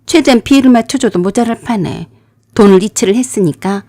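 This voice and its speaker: A woman's voice: on the high side, fairly quick, warm tone, dry recording, clean studio sound. A woman telling a first-person story in scripted radio-drama narration, with a dramatic delivery.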